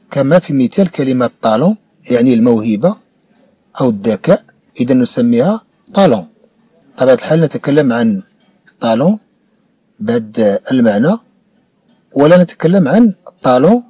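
Man, Moroccan Arabic accent, schoolteacher, patient repetition, lively pitch, mellow slightly husky voice, dry close sound. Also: no echo. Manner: patient, repeats words slowly for learners. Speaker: primary school French teacher. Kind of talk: explanatory lesson narration.

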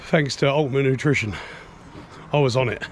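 A middle-aged man, a veteran strongman, answering questions with deadpan jokes in a back garden gym. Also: medium pitch, a little fast. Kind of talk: joking outdoor chat. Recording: outdoor background noise.

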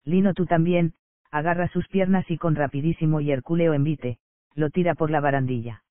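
Un hombre que lee en voz alta una obra de teatro, incluidas las acotaciones, con tono llano y parejo. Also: male voice, a little high, fairly quick, no echo. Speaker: audiobook narrator. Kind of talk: reading a stage play aloud. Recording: dry, tinny phone-like sound.

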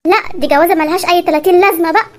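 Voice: very high-pitched, steady tone, very fast, very noisy. A performer voicing an exasperated young man in an Egyptian cartoon sketch, speaking with an Egyptian accent and grumbling sarcastically. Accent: Egyptian Arabic. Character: exasperated young man, put-upon fiancé. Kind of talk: animated comedy sketch.

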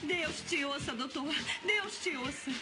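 Female TV drama spectator: fretful, excitable, very high voice over music. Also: a little slow. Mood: anxious. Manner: fretful, exclaiming. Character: anxious, excitable lady fight spectator. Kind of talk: dubbed TV drama dialogue.

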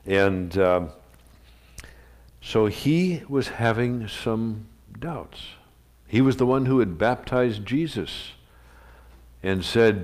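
Pastor, male, lowish voice, conversational storytelling sermon from a church livestream. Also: darkish tone. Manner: conversational storytelling with asides and chuckles. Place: church sanctuary. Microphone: livestream recording of a live service.

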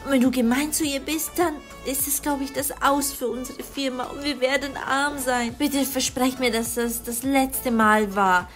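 A woman's voice: sits high, steady tone, moderate pace, hardly any pauses, soft background music, close to an everyday voice. A woman voicing a scheming, meddling middle-aged mother in a storytelling doll game. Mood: pleading.

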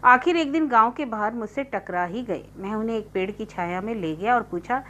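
A woman reading a literary short story aloud as audiobook narration, in steady first-person storytelling. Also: a little high, fairly quick. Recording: dull lo-fi recording.

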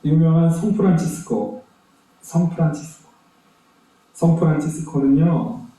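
A man preaches a children's Sunday sermon in a high, mellow voice, and he repeats points with emphatic energy. He is recorded from far off in a church sanctuary with very heavy echo. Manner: animated storyteller, emphatic repetition. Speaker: pastor.

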